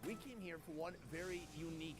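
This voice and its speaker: Fast, wry man hosting food travel. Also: on the high side, loud music behind the voice. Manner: wry, joking, exaggerated. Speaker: food travel show host. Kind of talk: upbeat food travel presenting.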